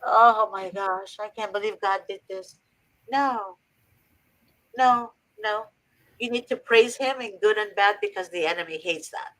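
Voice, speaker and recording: A woman's voice: mid-range voice, measured pace, a bit bright, poor audio. Earnest preachy woman from Egypt. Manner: earnest, preachy, emphatic repetition. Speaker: host. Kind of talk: faith-based advice talk.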